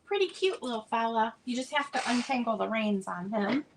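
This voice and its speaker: A woman selling vintage items, chatting casually and meanderingly as she unpacks, with plenty of fillers, and a voice that is going a bit hoarse. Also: on the high side, animated, brisk, slight background noise, rough recording. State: losing her voice. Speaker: vintage seller showing stock. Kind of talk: casual unboxing chat.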